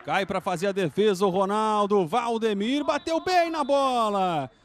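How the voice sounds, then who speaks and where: A Brazilian male football commentator with a very high-pitched voice. He calls the match live with great excitement, drawing out his exclamations and keeping an unhurried overall pace. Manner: exclamatory, with drawn-out shouted calls.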